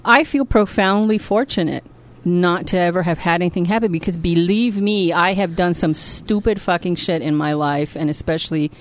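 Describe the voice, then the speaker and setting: A woman's voice: fairly low pitch, moderate pace. A woman hosting a podcast, chatting casually and reading written posts aloud. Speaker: podcast host.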